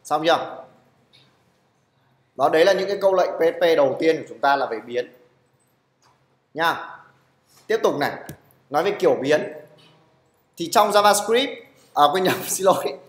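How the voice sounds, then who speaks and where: A lively man with a slightly high voice runs a coding class in person, talking at normal speed with frequent pauses. The room sounds spacious, and he keeps checking in with the class by asking "được chưa?"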